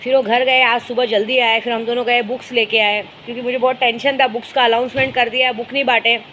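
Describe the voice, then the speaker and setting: High-pitched woman, chatty spiritual guide telling stories to her followers. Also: flat delivery, quick pace, fairly bright tone, a little hiss or hum, low-quality recording. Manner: chatty, storytelling, fond asides. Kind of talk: casual vlog chat to followers.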